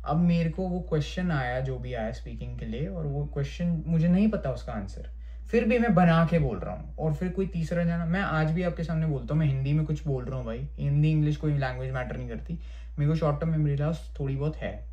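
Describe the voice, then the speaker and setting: A man's voice: a little high, expressive, fairly quick, mellow, dull audio. A young man from India telling a personal story in a casual, chatty way, often calling out "bro" and swearing. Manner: chatty, keeps saying "bhai", swears. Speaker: vlogger.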